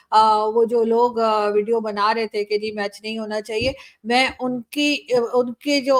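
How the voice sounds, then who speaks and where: A Pakistani woman journalist talks through the news in a loose, conversational monologue. Her voice sits fairly high, and she speaks with a Pakistani Urdu accent. She is opinionated and pauses often on fillers. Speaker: journalist and commentator. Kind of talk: casual news commentary monologue.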